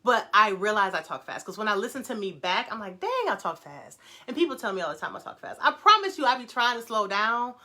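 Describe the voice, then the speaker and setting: A middle-aged woman, hosting a casual live stream, talking fast and excitedly while answering viewer comments. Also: medium pitch.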